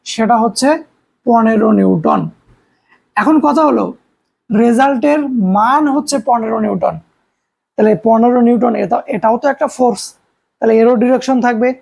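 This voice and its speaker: A man's voice: very high voice, moderate pace, gravelly, pauses often, darkish tone, slightly rough. A young man from Bangladesh giving a recorded physics lecture, explaining step by step with everyday examples and rhetorical questions. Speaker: physics teacher.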